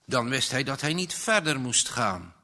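A man reading a story aloud as narrator, in slow, measured storytelling. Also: medium pitch, big pitch swings, pushed and bright. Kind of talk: audiobook reading.

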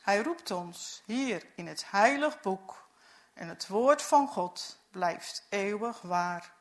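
A woman reading as a gentle, devout old uncle. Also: medium pitch, lively intonation, takes it slowly. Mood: solemn. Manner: gentle, solemn, hushed. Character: kindly devout elderly uncle, a man. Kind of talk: storybook reading.

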